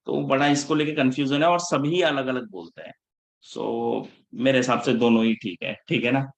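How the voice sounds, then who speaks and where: A man teaching a live class in a relaxed mix of Hindi and English, checking in with his students after almost every point. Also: mid-range voice, moderate pace, creaky. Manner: casual Hinglish teaching, checks in often with the class; scolds students about attendance. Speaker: instructor.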